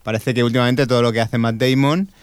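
Un copresentador de pódcast con acento de España que cuenta noticias de cine en tono de charla. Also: male voice, mid-range voice, fairly even intonation, quick pace, clear, resonant tone, no echo. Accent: Spain Spanish. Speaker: podcast co-host, film news. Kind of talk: casual podcast chat.

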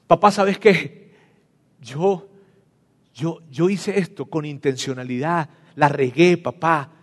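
A man's voice: a little high, slow pace, long reverb tail. A man voicing a repentant young son who pleads with his father, urgently repeating his appeal. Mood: remorseful.

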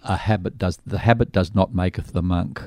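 An older Australian man with a slightly croaky voice, chatting casually as a radio co-host. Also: low-pitched, steady tone, fairly quick, a little mellow, no echo. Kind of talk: casual chat.

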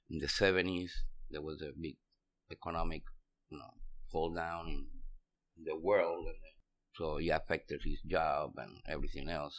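Appearing as a guest in an interview, a middle-aged restaurant owner from Puerto Rico recounts his story in a low voice with a fairly bright tone. His Puerto Rican accent comes through as he wanders from point to point, dropping "you know" again and again.

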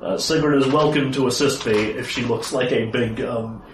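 A man playing in a tabletop game, calmly describing what his character does. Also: mid-range voice, normal speed. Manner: relaxed, describing his moves in detail. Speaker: player. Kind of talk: casual tabletop game talk. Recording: echoey room, far mic, faint noise.

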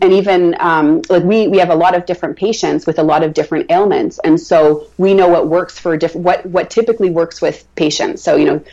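Brief: female nurse guest, low gravelly voice, chatty and loose, dull lo-fi radio sound. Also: warm tone. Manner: chatty, with many restarts. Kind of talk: casual interview talk. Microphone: radio show mic.

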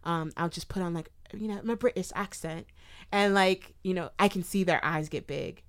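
A woman's voice: fairly low pitch, normal speed. A woman hosting a casual podcast chat, asking questions and joking around in a playful, giggly way. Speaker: podcast host.

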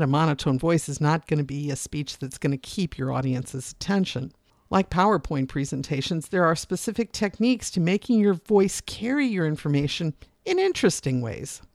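Expressive speaking teacher, lively pitch. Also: no echo, studio quality. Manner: expressive, varies voice to demonstrate points. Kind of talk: scripted instructional narration.

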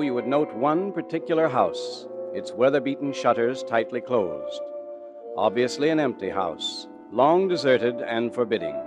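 A man narrating a 1940s radio mystery in the formal, dramatic delivery of an old radio announcer. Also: mid-range voice. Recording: vintage 1940s radio recording with music. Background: music.

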